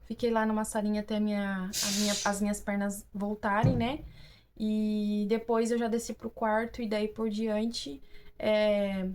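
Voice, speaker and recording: A woman's voice: medium pitch, flat delivery, measured pace. Young Brazilian woman, chatty storyteller, mid-range voice, talks straight to her viewers, light background noise. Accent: Brazilian Portuguese. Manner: chatty, addresses viewers as "gente", many fillers and restarts. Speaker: vlogger. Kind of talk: casual personal storytelling.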